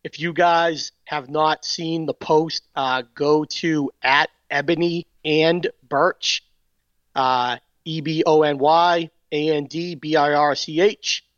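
An excitable man with a Boston accent co-hosting a casual podcast, often restarting his sentences. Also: fairly high pitch, takes it slowly, no echo, muffled recording. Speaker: podcast co-host.

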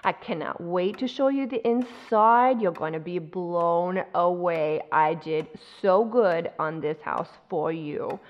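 A woman's voice: on the low side, takes it slowly, few pauses. A woman playing a gushing real estate agent. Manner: eager sales gush. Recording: dull lo-fi recording with faint noise.

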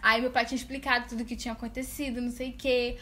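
Brazilian woman podcaster, quick animated storyteller, high bright voice, faint room noise behind. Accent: Brazilian Portuguese. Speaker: podcast co-host telling a story. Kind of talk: casual chat among friends, storytelling.

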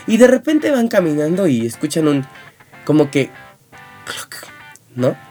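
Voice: medium pitch, sing-song, unhurried, dark tone, soft background music. A host with a Mexican Spanish accent gives comedic advice in a playful monologue, acting out little scenes in put-on voices. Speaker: show host.

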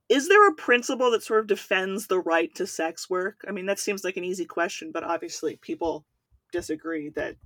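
A woman's voice: mid-range voice, bright, forceful tone, dry recording. A woman hosting a podcast interview, asking casual, hesitant questions. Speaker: podcast host.

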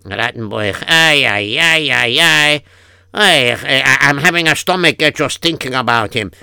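A man's voice: medium pitch, measured pace, gravelly, pushed and bright, smooth, no room sound, clean studio sound, full character voice. A man playing a fretful Yiddish-accented husband. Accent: Yiddish-inflected English. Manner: kvetching, sighing oy vey. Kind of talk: improvised comic radio story.

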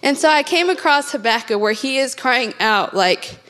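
A woman's voice: sits high, animated, normal speed, a bit bright. A middle-aged woman, giving an earnest church testimony with many fillers and restarts. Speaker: church member sharing testimony.

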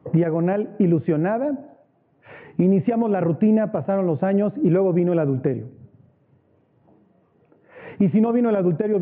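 Male preacher, lively storyteller, tinny phone-like radio sound. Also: a little high. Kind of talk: sermon.

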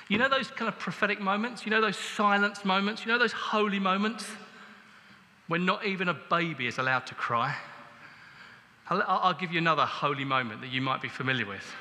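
A man's voice: a little high, pushed and bright, long reverb tail. A man preaching a sermon in a church, with a conversational, humorous and emphatic way of talking.

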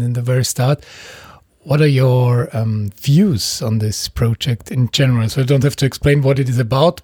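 Male podcast host, measured questioning, husky mellow tone. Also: medium pitch, no echo, studio quality. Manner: measured, asks long questions with pauses. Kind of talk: hosting a group interview.

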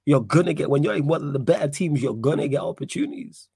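A man's voice: a little high, animated, fast talker, vocal fry, dark tone, husky, no room sound, studio quality. A man with a London roadman accent hosting a casual football fan livestream, talking in street slang and repeating himself for emphasis. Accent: London, urban slang. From United Kingdom. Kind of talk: casual live sports chat.

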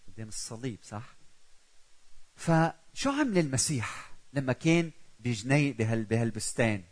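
A middle-aged man with a Lebanese Arabic accent preaching a sermon, swinging from loud cries to hushed prayerful quoted lines. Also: medium pitch, sing-song, normal speed, low-quality recording. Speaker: pastor.

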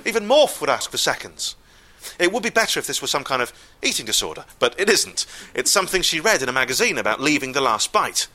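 A man telling a comic story live, wry and exasperated, with deadpan asides. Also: fairly high pitch, quick pace.

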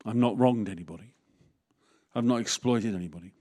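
Conversational vicar preaching. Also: male voice, lowish voice, fairly quick, warm tone. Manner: candid, conversational preaching with jokes and asides. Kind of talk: sermon.

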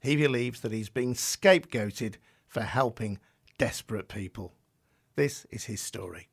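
A man's voice: mid-range voice, measured pace, creaky, breathy edge. Man hosting a news podcast. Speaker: podcast host. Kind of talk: scripted news narration and interviewing.

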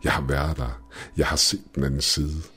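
A man's voice: very deep voice, level tone, pushed and bright, husky, exaggerated voice. A man voicing a scheming, smug older male professor in a horror story, with faint music behind.

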